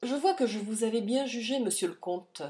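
A woman's voice: on the low side, a little slow, a little mellow, close to an everyday voice. Woman reading proud defiant countess, cutting and scornful, audiobook.

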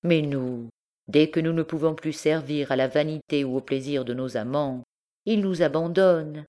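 A woman's voice: low-pitched, normal speed, warm tone, natural voice. A woman reading an audiobook voices a pale, ailing young courtesan, bitter yet tender, with a lilting, slightly bitter manner.

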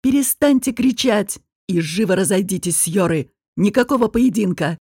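A woman's voice: mid-range voice, steady tone, normal speed, warm tone, dry recording, studio quality, lightly acted. A woman voicing a grim male lord who gives commands. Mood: commanding.

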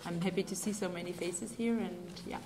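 A woman's voice: fairly low pitch, steady tone, moderate pace, a crowd in the background. A woman campaigner briefly introducing herself on a panel, concise and plain.

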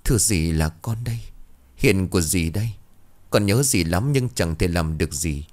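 A vengeful young woman's ghost, as a male narrator puts her on, cold and threatening in a spoken horror story. The voice sits low and deep but moves with lively swings in pitch, giving each command a menacing edge. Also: moderate pace. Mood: tender.

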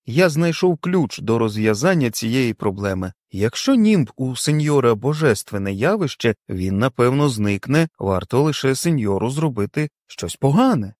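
A man voicing an earnest male doctor who speaks slowly and reverently in a storybook reading. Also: medium pitch, big pitch swings, darkish tone, no room sound, studio quality, close to an everyday voice. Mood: explaining.

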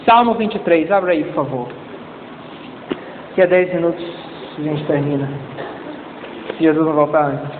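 A male pastor preaching a sermon in a lively, joking way, calling out to the congregation for responses. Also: a little high, moderate pace, long pauses, noisy background. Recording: echoey church hall over a tinny lo-fi line.

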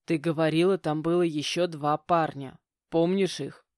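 A woman's voice: deep voice, steady tone, moderate pace, a little mellow, no echo, clean studio sound, close to an everyday voice. A woman reading an audiobook voices a stern, grumbling middle-aged stepfather who speaks curtly. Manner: grumbling, curt, commanding. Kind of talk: audiobook character voicing.

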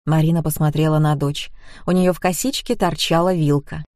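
Lowish woman narrating an audiobook. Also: moderate pace, no room sound, clean studio sound. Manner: lively storytelling with many character voices.

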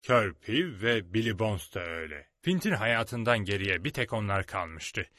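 Long John Silver, a sly pirate cook, as a storyteller reads him. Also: male voice, on the low side, animated, a little slow, bright, forceful tone, dry recording, clean studio sound, full character voice. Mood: persuasive. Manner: smooth-talking, coaxing, then coldly ruthless. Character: scheming one-legged male pirate cook. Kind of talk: storybook read-aloud.

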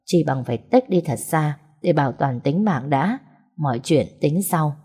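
A woman narrating an audiobook novel in a steady storytelling manner. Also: low voice, moderate pace, husky.

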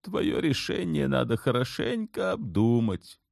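A man's voice: mid-range voice, sing-song, unhurried, vocal fry, darkish tone, no room sound, studio quality, pitched above the performer's own voice, heavily acted. A man voicing the sultan's mother in an audiobook, an older woman who speaks firmly and measuredly, clipped when pressed. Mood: weary. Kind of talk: audiobook character voice.

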